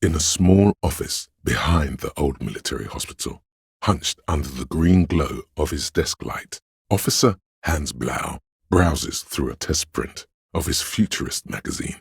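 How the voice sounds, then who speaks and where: A man voices a grave, all-knowing inner voice of police camaraderie in a video game, narrating in a solemn, measured, literary style with a gravelly, husky tone. His very deep voice is expressive and heavily acted, and the mood is brooding and measured. The recording is dry and clean, with studio sound.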